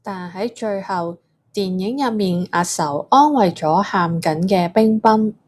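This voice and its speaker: A woman with a Hong Kong Cantonese accent, presenting a scripted mindfulness lesson for children as a gentle emotion coach. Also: medium pitch, a little slow.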